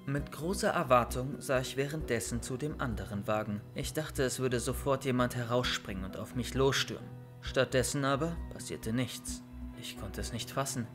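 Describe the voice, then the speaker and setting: Young male storyteller for a bedtime creepypasta, even mid-pitched voice, soft music underneath. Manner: calm storytelling, loud shouted calls in scenes. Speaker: narrator of horror stories. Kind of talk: scripted first-person horror narration.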